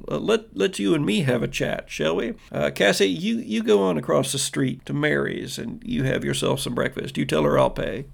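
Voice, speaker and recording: Stern folksy sheriff, big and protective, gravelly, a man acting it. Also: on the high side, moderate pace, hardly any pauses, heavily acted. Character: big gruff small-town 1950s sheriff, protective father.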